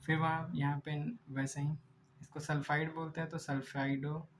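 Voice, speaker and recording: A man teaching a chemistry lesson. He explains step by step, asks himself rhetorical questions, draws chemical names out slowly and often corrects himself mid-word. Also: a little high, flat delivery, background noise. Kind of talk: recorded lecture.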